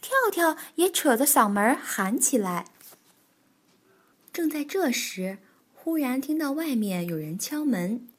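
A woman reading a storybook aloud for children as a storyteller, with an expressive manner. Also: sits high, slightly rough. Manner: slow, expressive, animated.

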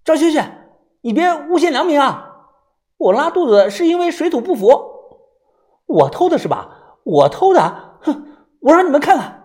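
A man voicing an excitable, defensive young man in an audiobook, shouting his innocence in a shrill voice. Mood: indignant. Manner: shrill, indignant, quick to shout. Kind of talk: audiobook character voice.

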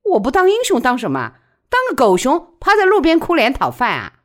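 A woman's voice: high voice, huge pitch swings, fairly quick, pitched above the performer's own voice. A woman voicing a defiant, newly widowed woman who speaks sharply and bitterly.

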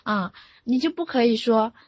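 A woman in her thirties talks through a parenting lesson in a gentle, chatty way. Her voice is a little breathy. The recording is dry and slightly dull. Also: a little high, normal speed, no room sound. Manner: gentle, conversational, with soft tag particles. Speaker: parenting lecturer. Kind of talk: online parenting mini-lesson.

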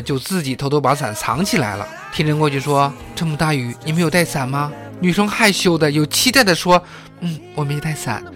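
A man hosting a comedy news talk show, telling jokes and laughing at his own punchlines. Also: a little high. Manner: lively joke-telling with laughs. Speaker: podcast host. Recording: music bed behind voice.

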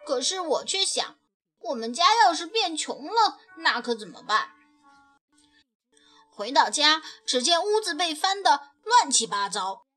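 A woman reading a children's picture book aloud with expressive, lilting storytelling. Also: sits high, unhurried, soft background music.

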